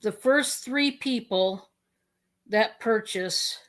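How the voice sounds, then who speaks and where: An American woman hosting a live sales stream, chatting casually and slowly with many fillers. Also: on the high side.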